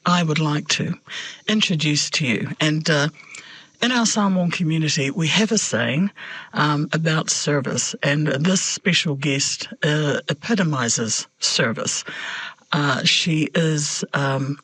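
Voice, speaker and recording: A woman hosting a conversational interview, speaking in a measured, hesitant way with frequent pauses. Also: low-pitched, a bit bright, husky. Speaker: interview host.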